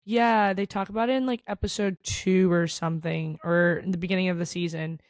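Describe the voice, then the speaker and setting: A woman's voice: lowish voice, steady tone, fairly quick, dry recording. A woman co-hosting a chat podcast who gushes, exclaims a lot and talks with many "like" fillers. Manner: gushy, exclaims often, lots of "like" fillers. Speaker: podcast co-host. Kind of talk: casual chat.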